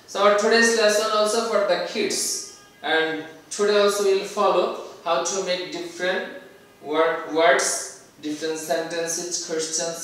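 Bangladeshi male teacher, high voice, unhurried patient drilling for kids, far-off mic in a boomy room. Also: a bit bright, heavy reverb. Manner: slow, deliberate, repeats each point for young learners. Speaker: English teacher. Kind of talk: children's language lesson.

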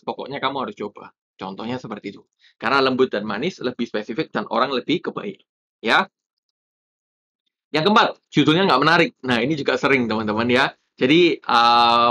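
A man walks viewers through copywriting mistakes in a relaxed teaching tone, his pitch jumping up to stress each point. His voice is bright and forward, at an ordinary middle pitch. The sound is a little dull, like a lo-fi recording. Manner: lively, rising emphasis on key points. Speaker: copywriting instructor. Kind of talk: casual explanatory teaching.

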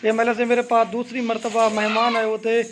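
A man's voice: extremely high pitch, monotone. A middle-aged man with a Punjabi Pakistani accent who hosts a casual goat farm sales video, talking in a chatty, repetitive, promotional way. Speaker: goat farm owner and host. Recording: loud farm noise behind.

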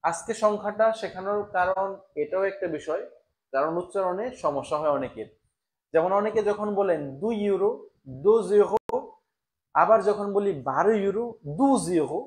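High-voiced man teaching French pronunciation. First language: Bengali. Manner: slow, syllable-by-syllable pronunciation drills. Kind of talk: live online language class.

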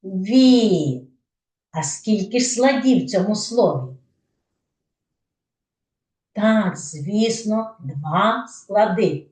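Ukrainian kindergarten teacher lady, slow patient lesson voice, roomy echo. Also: mid-range voice, animated, darkish tone. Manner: patient, asks questions then answers them herself. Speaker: preschool teacher. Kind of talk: slow didactic lesson for young children. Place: kindergarten room. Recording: echoey room, voice from a distance.

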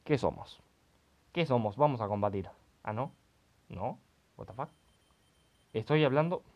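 A young man giving crude, excitable gaming commentary, swearing often. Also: medium pitch, unhurried, lo-fi sound. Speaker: let's play host.

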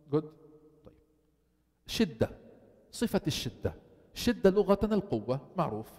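Teacher, male, mellow and slightly high voice, long hall reverb, quizzes the class as he explains. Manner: explains, then asks the class questions and answers them. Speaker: tajweed teacher. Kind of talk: classroom lesson, switching between English and Arabic.

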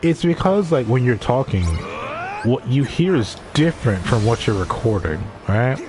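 Animated, swearing male streamer. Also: medium pitch, moderate pace, music in the background. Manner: profane, animated, laughs often. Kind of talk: casual live-stream chat.

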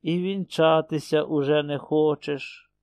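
A man's voice: fairly high pitch, fairly even intonation, unhurried, a little mellow, no room sound. Marusya, a proud village wife, voiced by a man. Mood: reproachful. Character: young village beauty, a married woman, sad and proud.

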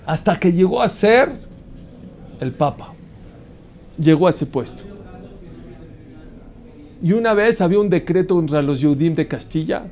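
A man teaching a Torah class, telling a long story with lively pauses and questions to his listeners. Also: on the high side. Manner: animated storyteller, asks the audience questions, mixes Hebrew terms.

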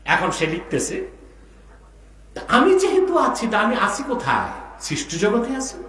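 High-voiced preacher, fervent, chanting bits, massive cathedral-like echo off the hall. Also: male voice, huge pitch swings, a little slow. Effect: heavy hall echo from loudspeakers. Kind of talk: religious sermon. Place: large building. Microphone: microphone through loudspeakers. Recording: booming echoey hall reverb, PA sound.

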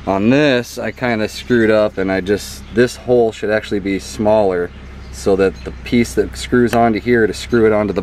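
Out in a yard, a hobbyist with a low voice gives a casual hands-on demo of a homemade astrophotography mount. He fills pauses with ums and often checks in with "okay?" There's a slight hiss or hum on the recording.

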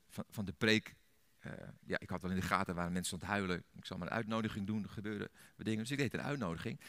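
A man with a Dutch accent preaching in a church, telling a story and rising to loud, emphatic peaks. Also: on the low side, vocal fry. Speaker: pastor. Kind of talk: sermon.

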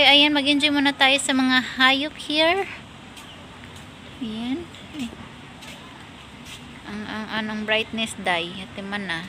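A high, bright-voiced woman vlogs chattily into a handheld phone, unhurried and teasing. Her voice sits over clear crowd and traffic noise in a busy mall and out in a park. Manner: chatty, teasing, mixes English in. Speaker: vlogger. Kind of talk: casual travel vlog. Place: busy indoor mall, then outdoor park. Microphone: phone camera at arm's length. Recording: noisy public space.

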